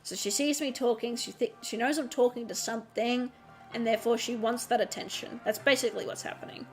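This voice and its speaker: Chatty Australian woman, high voice. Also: steady tone, fairly quick, faint music behind. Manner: chatty, swears casually, drifts into scolding her dog. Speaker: streamer. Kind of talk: casual livestream chat.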